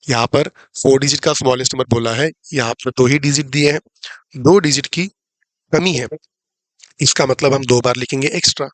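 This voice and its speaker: A man's voice: medium pitch, steady tone, moderate pace, dry recording. A man teaching a live online maths class, explaining step by step, repeating key points and joking with the students. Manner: chatty, jokes with students about the live class.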